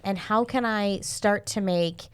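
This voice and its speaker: A woman's voice: medium pitch, a little slow, clear, resonant tone. A woman co-hosting a casual podcast, telling stories and laughing at herself. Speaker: podcast co-host.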